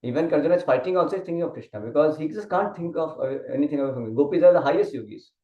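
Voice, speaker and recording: A man's voice: fairly high pitch, slow pace. A man teaching a casual Gita study class, mixing Hindi and English, explaining step by step and often checking that the listener follows. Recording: dull muffled sound in an echoey room.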